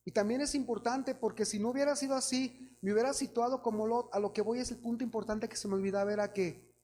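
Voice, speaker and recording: A man's voice: very high-pitched, steady tone, fast, dark tone. A man preaching a sermon, telling a personal testimony in a conversational way and often addressing the congregation as brothers.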